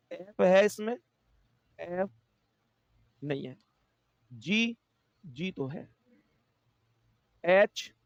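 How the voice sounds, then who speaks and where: A male teacher with a Hindi accent takes students through an exam-prep class one step at a time. His voice is gravelly and he counts things out aloud. The recording is dry, with a dull, lo-fi tone. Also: high voice, no room sound. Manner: explains step by step, repeats phrases, counts aloud; addresses students warmly as dear friends.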